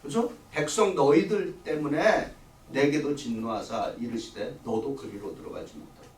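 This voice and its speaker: Heard from a distance in an echoey room, this middle-aged man runs a church Bible study, lecturing and posing questions to the class that he then answers himself. He speaks at a normal pace with a medium-pitched, slightly mellow voice.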